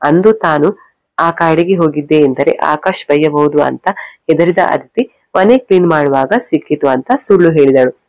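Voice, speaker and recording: A woman reading a scripted story aloud in a steady, measured way, close to the mic. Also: sits low, dry recording. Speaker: narrator.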